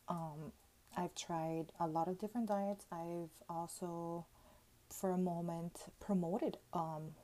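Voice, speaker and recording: A woman in her thirties hosts a casual gossip podcast, chatty and loose, dropping lots of "like" fillers and casual swearing. Her voice is fairly low and mellow, though the audio is poor.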